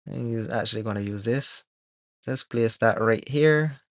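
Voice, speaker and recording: A man from Barbados, streaming live as a 3D artist, chatting casually and thinking aloud with many pauses and fillers while he works. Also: mid-range voice, no echo, studio quality. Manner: relaxed, rambling, thinks aloud with many ums.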